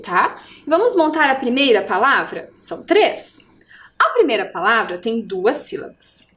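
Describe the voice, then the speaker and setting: A woman teacher with a Brazilian Portuguese accent, giving a video lesson to first graders and stretching out syllables in a sing-song way. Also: fairly high pitch. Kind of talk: video lesson for young children.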